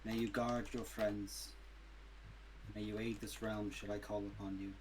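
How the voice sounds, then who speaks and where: Guy doing a noble knight-king, solemn n formal, lowish voice, tabletop rpg, bit of background noise. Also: level tone, measured pace, lightly acted. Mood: solemn, regal. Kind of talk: tabletop role-play.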